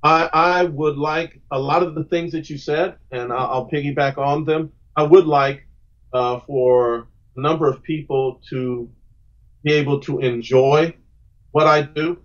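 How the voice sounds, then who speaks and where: A man's voice: on the high side, fairly even intonation, measured pace. A man guest on a podcast, talking in an earnest, reflective, rambling way with restarts. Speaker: podcast guest, comic creator. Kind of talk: casual podcast conversation. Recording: muffled lo-fi audio.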